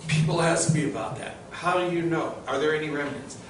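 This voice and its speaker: A man's voice: a little high, fairly quick. A middle-aged man giving an informal guided tour, telling stories to a group in a conversational way and putting questions to his listeners. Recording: distant, very echoey, noisy group-tour recording.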